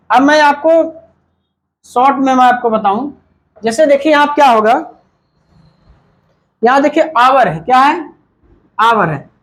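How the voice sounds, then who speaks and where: High voice, male teacher, repeats each point as a question and answers it himself, a grammar lesson in mixed Hindi and English. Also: fairly bright tone. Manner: repetitive, asks and answers his own questions; mixes Hindi with English terms.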